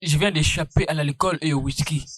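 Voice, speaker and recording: A man's voice: a little high, brisk, fairly bright tone, slightly rough, dry recording. A curt, dismissive man who tells someone not to call again. His sound is dry and close. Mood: annoyed. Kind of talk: dubbed film acting.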